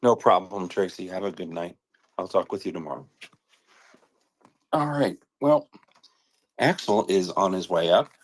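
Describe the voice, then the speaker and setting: A man's voice: sits low, unhurried, long pauses. A man co-hosting a live audio discussion in a casual chatty style. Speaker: co-host.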